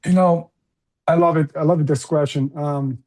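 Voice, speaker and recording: A middle-aged Brazilian recruiting business founder, a native Portuguese speaker with a Brazilian accent, talks enthusiastically as an interview guest, using frequent fillers. His voice is on the high side, a little mellow, evenly toned, and moderately paced.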